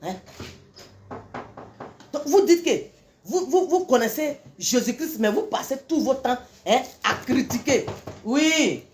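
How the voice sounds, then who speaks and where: A woman's voice: sits high, animated, slow pace, long pauses, slight background noise. A woman, delivering an impassioned, scolding religious tirade full of repetition and rhetorical questions. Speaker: self-styled preacher.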